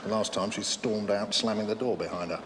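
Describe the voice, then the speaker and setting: An actor playing a blunt, plain-spoken middle-aged police chief inspector. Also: male voice, fairly low pitch, fairly even intonation, a little fast, fairly bright tone, a little hiss or hum, lightly acted. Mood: matter-of-fact. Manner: plain-spoken, matter-of-fact. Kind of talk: television period drama. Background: background music.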